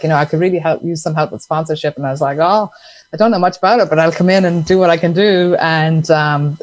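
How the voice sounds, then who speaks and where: A woman from Ireland with an Irish accent, talking casually as a podcast guest. Her voice sits low, and she fills pauses with ums and laughs easily. The sound is dry, with no room echo. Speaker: podcast guest, sponsorship consultant. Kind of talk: casual interview chat.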